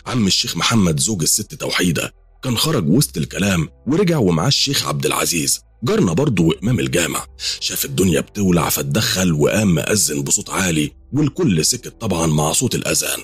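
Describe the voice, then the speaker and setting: A man's voice: low-pitched, sing-song, quick pace, slightly rough, no room sound, soft background music. A man with an Egyptian accent narrating a horror story in an intense, dramatic manner. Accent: Egyptian Arabic.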